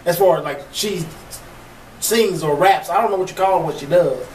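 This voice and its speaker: A man's voice: a little high, normal speed, darkish tone. A man co-hosting a casual chat, teasing and questioning his partner. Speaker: co-host. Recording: echoey room, far from mic, faint noise.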